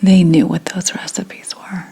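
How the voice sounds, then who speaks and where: A woman with a fairly low, mellow voice and little pitch movement whispers breathily in an ASMR roleplay, heavily acting the part of a secretive, indignant 17th-century witch. She speaks deliberately, with dramatic pauses.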